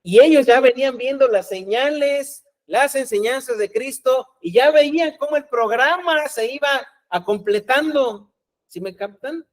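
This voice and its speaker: Man, pastor, sermon, high-pitched, conversational, rhetorical questions. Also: a little slow, rough recording. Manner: conversational, keeps asking the congregation rhetorical questions.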